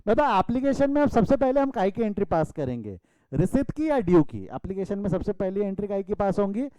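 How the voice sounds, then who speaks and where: A man from India teaches a commerce class online, his voice pitched high for a man yet mellow and smooth. The sound is close and dry, with no room in it. He mixes into his teaching and teases his students in a fatherly way. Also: sing-song, fast talker, dry recording, rough recording. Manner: addresses students as beta, scolds playfully. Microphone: video call.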